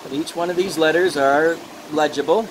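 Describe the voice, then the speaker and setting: A man's voice: a little high, normal speed. A man giving an informal hands-on demonstration, rambling as he talks himself through steps, with slightly mushy, toothless articulation. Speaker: glassworking instructor. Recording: loud steady torch or engine-like noise.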